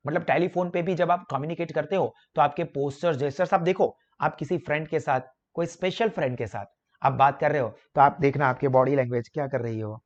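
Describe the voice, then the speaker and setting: A fairly high-voiced young man with a Gujarati accent gives a classroom lecture, switching between languages as he explains. He acts out little phone conversations to make his points. The sound is a bit dull and lo-fi. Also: fairly quick. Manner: explains in a lively way, acting out phone chats as examples. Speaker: commerce teacher. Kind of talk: classroom lecture mixing Hindi and English.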